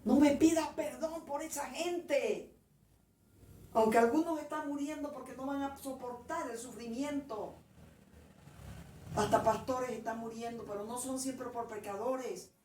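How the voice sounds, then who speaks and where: A woman preacher voicing God the Father as a grieving, angry deity, speaking slowly and solemnly in an echoey room from a distance. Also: high-pitched, steady tone. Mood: grieved anger. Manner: slow, heavy, solemn delivery. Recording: echoey room, distant mic, faint noise.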